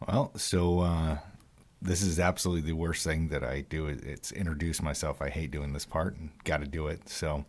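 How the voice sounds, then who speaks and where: A man from Utah and California co-hosting a casual podcast, talking haltingly and self-deprecatingly with many fillers. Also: very deep voice, steady tone, a little mellow. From Utah and California, USA. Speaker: podcast co-host.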